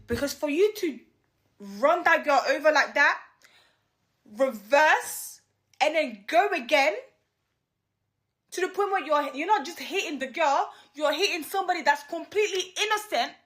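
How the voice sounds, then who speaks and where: Woman, outraged commentary, emphatic, high voice, very animated pitch. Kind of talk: indignant commentary.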